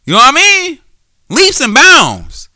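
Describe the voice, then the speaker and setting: A man's voice: extremely high pitch, wildly swooping pitch, a little slow, pushed and bright, no room sound, studio quality. A man hosting a solo podcast, talking casually and profanely about sports, with frequent restarts and self-corrections. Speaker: podcast host; former quarterback.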